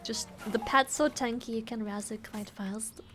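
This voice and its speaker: A woman streams a video game, thinking aloud with casual, playful, slang-filled commentary. Her voice is a little high with a steady tone at normal speed, and there's heavy background noise.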